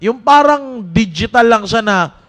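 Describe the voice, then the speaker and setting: A youth preacher delivers a casual, joking sermon to young people in a church. He tells stories animatedly and breaks into laughter, his extremely high-pitched voice moving at a measured pace.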